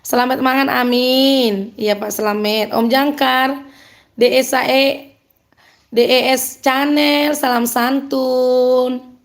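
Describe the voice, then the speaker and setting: Woman, Medan accent, slightly high voice, upbeat live-stream host chatting with viewers and laughing often. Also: steady tone, takes it slowly. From Medan, North Sumatra. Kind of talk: live-stream chat reading out viewer comments.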